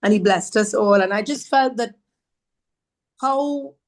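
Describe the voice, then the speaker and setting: A woman tells her story as a podcast guest, speaking at a middling pitch. She is earnest and pauses often, and she brings others' words to life as she recounts them. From Trinidad and Tobago. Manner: halting, with fillers and restarts. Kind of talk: conversational personal storytelling.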